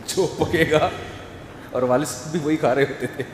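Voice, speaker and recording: A man preaches in a lively, storytelling way, his somewhat raised voice jumping from forceful emphasis to quiet asides as he acts out family scenes. He is heard in a lecture hall with roomy echo and a long reverb tail. A faint ambient hum sits beneath him. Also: fairly high pitch. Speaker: Islamic scholar giving a talk.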